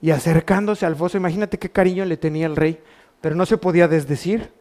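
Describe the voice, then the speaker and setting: Pastor, Mexican Spanish accent, male, lightly raised pitch, preaching with rhetorical questions to his congregation. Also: steady tone, fast talker, darkish tone. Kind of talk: sermon. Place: church.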